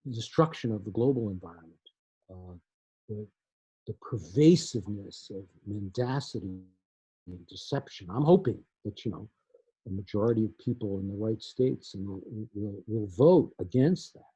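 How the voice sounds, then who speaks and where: An older man in a recorded online conversation, talking in a thoughtful, halting way full of restarts and repeated words. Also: lowish voice, lively intonation, warm tone, husky, no echo, rough recording. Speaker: poet in conversation. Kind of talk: conversational interview. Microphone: video call.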